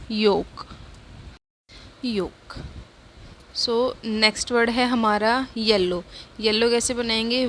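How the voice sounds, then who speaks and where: A woman teaching a shorthand lesson, slowly repeating each word several times and mixing Hindi with English. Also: fairly high pitch, fairly bright tone, slight background noise. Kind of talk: step-by-step spoken lesson.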